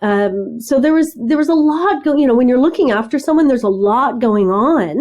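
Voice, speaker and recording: A middle-aged woman with a fairly high but mellow, warm voice. She talks as a podcast guest, telling lively stories and asking "right?" along the way. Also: moderate pace, lo-fi sound. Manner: animated storyteller, acts out dialogue, frequent "right?". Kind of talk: conversational interview.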